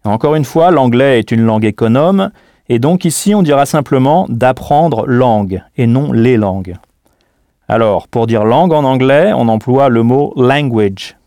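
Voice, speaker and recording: A man's voice: medium pitch, lively intonation, measured pace, warm tone, no echo, clean studio sound. A man teaching a scripted audio language lesson, patient and didactic, prompting the listener to answer.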